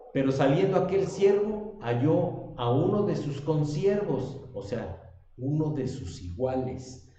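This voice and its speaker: With a medium-pitched, dark-toned voice, a man teaches Sunday school in a church classroom, reading passages from the Bible and putting questions to his students. The recording sounds echoey and dull, with a faint hiss or hum.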